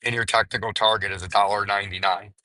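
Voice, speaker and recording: Male crypto chart commentator, hoarse and strained, very forceful raspy edge, flat lowish delivery. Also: fast, dry recording. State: hoarse, voice nearly gone. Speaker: crypto video host.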